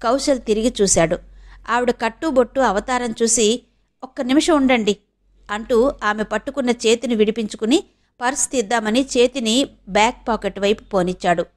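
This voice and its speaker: A woman from India narrating a novel aloud in a steady storytelling manner. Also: on the high side, fairly quick. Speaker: audiobook narrator.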